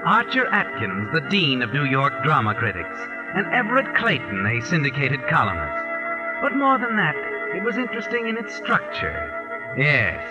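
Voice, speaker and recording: The Whistler, ominous, sweeping mystery narrator. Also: male voice, fairly high pitch, wildly swooping pitch, muffled recording. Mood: measured, knowing. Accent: American. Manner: ominous, theatrical, deliberate. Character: mysterious, omniscient night-walking male narrator of dark crime tales. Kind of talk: 1940s radio mystery narration. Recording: vintage 1940s radio with music. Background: dramatic music.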